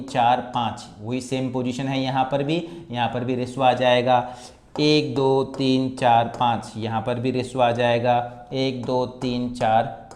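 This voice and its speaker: A man with a Rajasthani accent teaching a lesson on verse meter, counting syllables aloud and chanting verses slowly. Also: mid-range voice, a little mellow, echoey room. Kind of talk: classroom lesson on Sanskrit meter.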